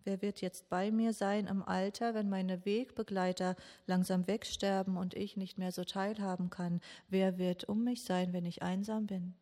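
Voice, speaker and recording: A woman giving a slow, meditative sermon in a grieving, questioning tone, with long pauses. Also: mid-range voice, flat delivery, dark tone. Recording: long echo of a large church hall.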